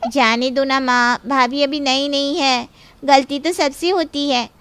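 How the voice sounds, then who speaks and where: A woman's voice: sits high, fairly even intonation, measured pace, noisy background. A woman voicing a young sister-in-law who gossips in a sweet tone. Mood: sweet-talking.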